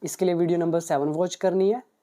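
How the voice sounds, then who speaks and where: A man's voice: high-pitched, fairly even intonation, a little fast, mellow. A man who teaches English, explaining a book page by page and reading out paired Hindi and English examples. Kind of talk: book walkthrough lesson.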